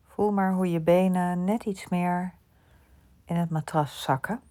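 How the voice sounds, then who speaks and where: A woman guiding a listener through a slow sleep relaxation, speaking softly and often in a whisper. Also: on the low side, fairly even intonation. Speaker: sleep meditation guide.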